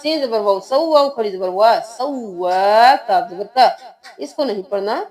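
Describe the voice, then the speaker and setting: A woman teaching Quran reading, spelling out letters and slowly chanting each word, patient and repetitive. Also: fairly high pitch, expressive, a little mellow. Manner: patient, repeats words slowly with drawn-out chanting.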